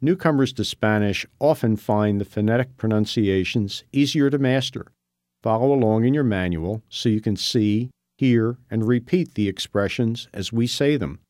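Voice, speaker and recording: An American man reading scripted instructions for a language course in a clear, measured, encouraging way. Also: fairly low pitch, a little mellow, no echo, studio quality.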